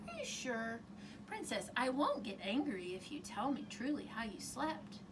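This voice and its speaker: Woman playing a lively, sly, gracious storybook queen. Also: a little high, measured pace. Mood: coaxing. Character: scheming, gracious storybook queen, anxious hostess. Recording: distant mic, clearly noisy room.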